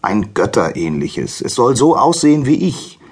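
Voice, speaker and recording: An eager storybook god goes from creature to creature with his questions, his voice lifted and swinging widely, as a man plays him. It has a husky texture. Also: medium pitch, moderate pace, voice pushed up. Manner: lively, questioning, raised voice. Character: curious, eager male god Prometheus. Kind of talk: storybook character voice.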